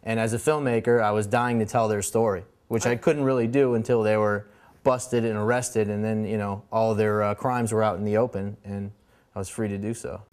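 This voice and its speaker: A man's voice: lowish voice, fairly even intonation, a little fast, a little mellow. A man in his thirties answering as an interviewed film director, conversational and matter-of-fact. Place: indoor room, seated on a couch.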